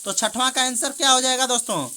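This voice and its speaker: A woman teaching exam prep, reading out multiple-choice questions and answers quickly and often saying "theek hai doston", with rain behind her. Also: high-pitched, bright, forceful tone, clear, resonant tone. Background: rain heard in the background.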